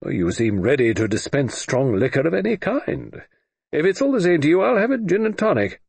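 A man reading an audiobook, voicing a gruff, blustering old retired admiral who speaks in brusque, clipped grumbles. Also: a little high, big pitch swings, brisk, darkish tone, dry recording, pitched above the performer's own voice, heavily acted.

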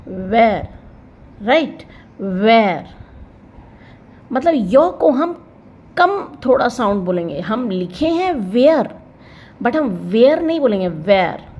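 A woman teaching a pronunciation lesson, slowly drawing out example words and checking in with the viewer. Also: high voice. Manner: slow and careful, drawing out example words, asks the viewer "right?". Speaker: English teacher.

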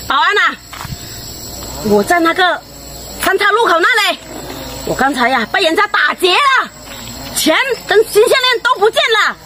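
A woman playing a shrill frantic accuser. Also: sing-song, normal speed, pauses often, noisy background. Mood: complaining. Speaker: robbery victim in a skit. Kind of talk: amateur comedy skit acting. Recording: background music over voice.

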